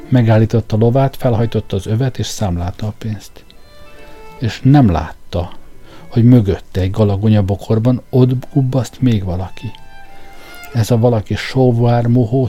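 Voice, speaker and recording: A man narrating a storybook in a steady, measured reading voice. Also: lowish voice. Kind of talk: audiobook narration.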